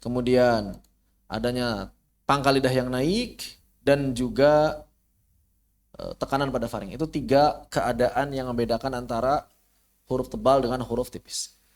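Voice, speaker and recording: A man's voice: mid-range voice, animated. Indonesian man teaching Quran recitation. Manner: demonstrates sounds with drawn-out syllables, asks and answers his own questions; casual, mutters to himself while fixing slides. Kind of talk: online tajwid lesson.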